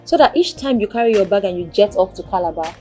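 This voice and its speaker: A woman's voice: medium pitch, animated, quick pace, warm tone, faint music behind, close to an everyday voice. Actress as a protective, questioning Nigerian woman. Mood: concerned. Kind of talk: film drama acting.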